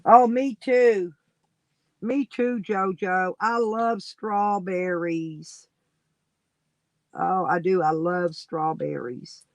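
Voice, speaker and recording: A man's voice: high-pitched, fairly even intonation, drawn-out words, no echo, rough recording. A man hosting a casual livestream, rambling and coaxing viewers to come on and chat. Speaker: livestream host.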